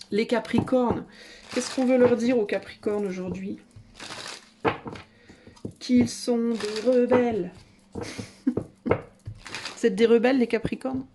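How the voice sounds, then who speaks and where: A woman's voice: medium pitch, background noise. A woman giving a casual tarot reading in a playful, chatty way, teasing her listeners and laughing often. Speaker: tarot card reader.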